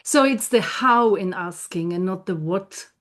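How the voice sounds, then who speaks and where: A woman's voice: mid-range voice, lively intonation, unhurried. A woman with an Austrian German accent co-hosting a casual talk, curious and engaged. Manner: warm, inquisitive interviewer, laughs easily. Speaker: co-host. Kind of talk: casual conversation.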